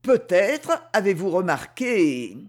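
An earnest man presses his point with polite, formal insistence, as a male audiobook reader plays him. The voice rides high for a man with lively rises and falls, steady and courteous in a storybook reading. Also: slow, full character voice.

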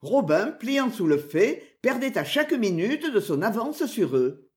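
Expressive woman narrating a storybook. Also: a little high, a little slow. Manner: dramatic, expressive reading. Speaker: audiobook narrator.

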